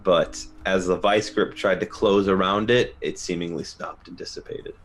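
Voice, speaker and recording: Deep-voiced man running a horror game. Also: fairly even intonation, normal speed, slight background noise. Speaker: game master. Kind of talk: narrating and refereeing a horror tabletop game. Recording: music under the voice.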